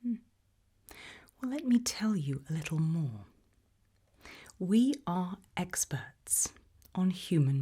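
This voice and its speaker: In a creepy ASMR roleplay, a woman fully inhabits the character of an eerie British female researcher. Her low, very breathy whisper moves slowly and deliberately, probing with quiet menace and a sinister calm.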